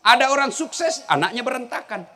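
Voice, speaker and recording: A man preaching a humorous sermon, telling stories with jokes and bursting out loudly at times. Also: very high voice, very animated, fairly quick. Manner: storytelling with jokes, sudden loud outbursts. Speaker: Islamic preacher. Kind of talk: humorous sermon to a live audience. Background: faint audience laughter.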